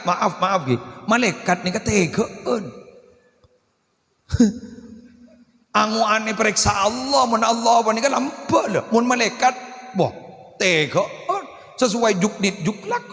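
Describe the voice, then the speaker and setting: A man preaching a sermon in a lively, joking manner, often acting out voices. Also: sits high. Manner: animated, joking, playacting quotes. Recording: echoey hall with long reverb.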